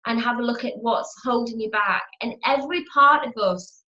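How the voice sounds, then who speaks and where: A woman's voice: a little high, normal speed, sharp tone. Chatty woman teaching in a roomy space. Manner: chatty, repeats phrases, acts out inner voices. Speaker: spiritual teacher. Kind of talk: motivational teaching talk to camera. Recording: roomy, dull lo-fi home video.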